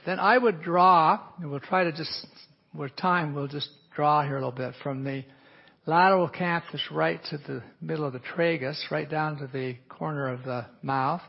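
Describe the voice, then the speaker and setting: A man's voice: a little high, vocal fry. A man who works as an aesthetic physician, explaining a treatment plan while he marks up a patient in a live teaching demonstration, often hedging with "a little bit". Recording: dull lo-fi audio.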